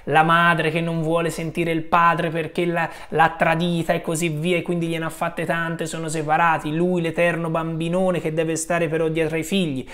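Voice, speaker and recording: A man's voice: on the high side, completely flat delivery, normal speed, hardly any pauses, fairly bright tone. A man giving a casual spoken film review, rambling and hesitant, often trailing off and correcting himself.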